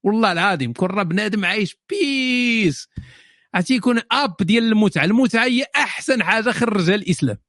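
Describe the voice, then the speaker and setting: Fast-talking sarcastic Moroccan man. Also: sits high, expressive, fairly bright tone, dry recording, studio quality. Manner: sarcastic, mocking, rapid-fire. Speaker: host answering viewer questions. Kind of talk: solo monologue to camera.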